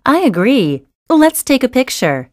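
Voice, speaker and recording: A woman voicing the female parts of a school listening test, clearly enunciated and conversational. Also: sits high, sing-song, a little slow, no room sound. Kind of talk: scripted test dialogue reading. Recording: dry studio recording.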